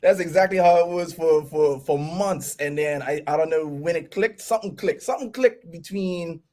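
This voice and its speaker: A man with a Bermudian accent and a slightly high voice talks as an interview guest. He lays out his account in an informal, conversational way. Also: normal speed, mellow. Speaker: guest DJ and producer. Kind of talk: casual interview chat, storytelling.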